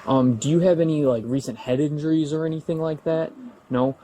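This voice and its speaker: A male police officer questions someone calmly and patiently, often stalling on ums. His voice sits a little high, and faint noise from the body camera runs underneath. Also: a little fast. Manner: patient, reassuring, hesitant fillers. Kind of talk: calm on-duty questioning.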